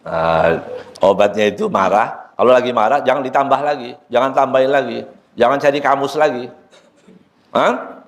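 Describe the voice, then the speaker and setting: A man, an ustadz, giving a sermon at a book study in a prayer room. He recites Arabic lines and then explains them, and he jokes with the listeners as he goes. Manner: joking, lively swings in pitch, quotes Arabic then explains.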